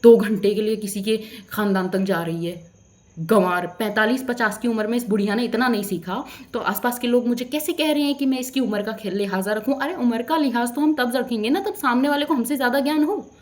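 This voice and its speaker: A woman's voice: a little high, a little fast, a little mellow. A young woman telling a storytime vlog in a heated, indignant rant. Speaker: vlogger.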